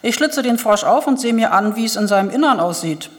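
A woman's voice: fairly high pitch, animated, fairly quick, lightly acted. A woman reading the lines of a blunt, scornful young male doctor in a plain, matter-of-fact way. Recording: long hall reverb.

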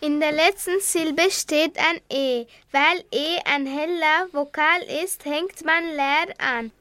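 A young girl reads her lines on a school radio show in a high, bright voice. Her pace is slow and careful. The sound is dry and close. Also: no room sound. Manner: slow, careful read-aloud. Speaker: student radio participant. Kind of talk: reading a school radio script.

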